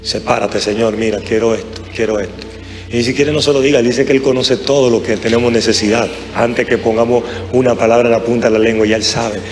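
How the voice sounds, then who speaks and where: A man's voice: mid-range voice, steady tone, fast talker, few pauses. A man preaching a live sermon to a congregation in an impassioned, conversational way. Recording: sermon with music behind. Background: music.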